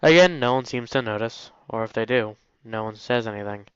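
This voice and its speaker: Speaking briskly at medium pitch, a young man voices a visual novel for a let's play, teasing the material and stumbling here and there. His tone is clean and the room is dead, though the lo-fi mic is dull and game music plays in the background.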